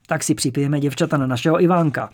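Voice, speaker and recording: A man reading an audiobook, voicing a brash, loud and teasing male poet character. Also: a little high, no room sound, natural voice. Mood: boisterous.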